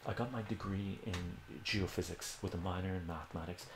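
Here the older man hosting a casual home livestream talks a little fast in a low voice, rambling and self-correcting as he answers viewers. His first language is Armenian, and the recording sounds roomy with background noise.

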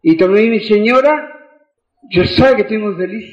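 A man's voice: sits high, normal speed. Older Argentine man preaching in echoey church. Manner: emotional, builds to shouted praise. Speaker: preacher giving testimony. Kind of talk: sermon testimony. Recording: echoey, muffled church recording.

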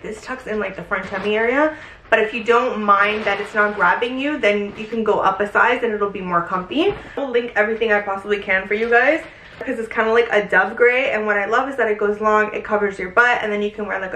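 A woman's voice: mid-range voice, pushed and bright, reverberant, low-quality recording. A young woman chatting effusively to her viewers in a casual haul vlog, filmed in her bedroom. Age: young adult. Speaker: fashion vlogger. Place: bedroom, indoors. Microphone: camera at a short distance.

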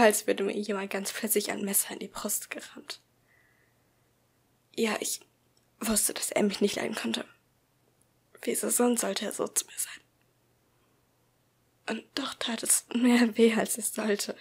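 A woman narrating an amateur audiobook in the first person, reading softly and slowly. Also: mid-range voice, gravelly, breathy edge. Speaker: audiobook reader.

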